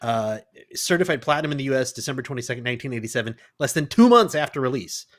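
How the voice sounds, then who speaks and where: Dude cohosting a music podcast, playful, teasing, reading off chart stats. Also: male voice, mid-range voice, lively intonation, racing. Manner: playful, teasing, rattles off facts. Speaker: podcast co-host. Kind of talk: casual podcast chat.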